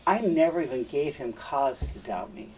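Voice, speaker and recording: A man reading the part of Desdemona, a gentle and troubled young wife, in a class reading of a play. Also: mid-range voice, expressive, moderate pace, soft background music, close to an everyday voice. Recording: distant mic, faint room noise.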